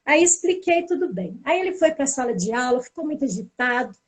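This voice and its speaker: A woman, a teacher, tells a school story in a casual, animated way. Her voice sits high, and she slips into the other speakers' lines as she goes. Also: a little fast. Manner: lively storytelling, acting out the dialogue. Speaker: teacher and pedagogical coordinator. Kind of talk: casual spoken anecdote.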